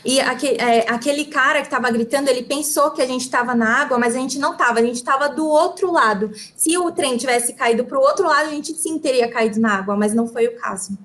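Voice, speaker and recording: A woman with a Brazilian Portuguese accent interprets a talk phrase by phrase. Her voice is high and her delivery fast, and she keeps pace with the speaker. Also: a bit bright. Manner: quick, relaying phrase by phrase. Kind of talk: consecutive interpreting.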